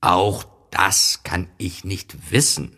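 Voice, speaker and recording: A man voicing a self-important old male geographer who lectures slowly in an audiobook reading. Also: deep voice, sharp tone, exaggerated voice. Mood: lecturing. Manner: slow, lecturing, pompous.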